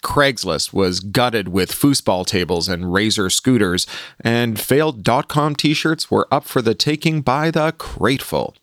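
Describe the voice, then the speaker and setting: A man with a lowish, fairly bright voice speaks at an unhurried pace in a clean, dry studio recording. He hosts a solo podcast and is also an author, sharing updates and reading his own writing aloud in an articulate, wry manner.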